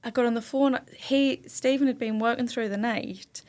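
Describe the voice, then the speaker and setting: A woman's voice: on the high side, fairly even intonation, normal speed, a little mellow. A woman guest on a podcast, telling a personal story with vivid feeling and acting out what people said. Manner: emotional, vivid retelling with quoted dialogue. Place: indoor studio room.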